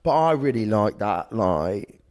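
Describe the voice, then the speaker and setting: Chatty animated male podcast co-host. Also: fairly low pitch, measured pace. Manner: animated, slips into playful voices and Spanish. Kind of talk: casual chat. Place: live recording in a room.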